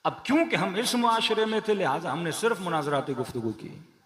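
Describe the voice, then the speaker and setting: A man's voice: sits high, very animated, brisk, fairly bright tone. A man with a Pakistani Urdu accent preaching a majlis sermon to a congregation, declamatory, with rhetorical questions and rhythmic repeated lists. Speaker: Shia preacher. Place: large prayer hall with a gathered audience. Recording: echoey hall with crowd sounds.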